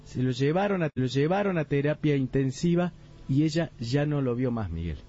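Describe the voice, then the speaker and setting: A man giving a live radio report from a court trial, laying out the events in steady detail with frequent restarts. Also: mid-range voice, moderate pace. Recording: muffled radio audio.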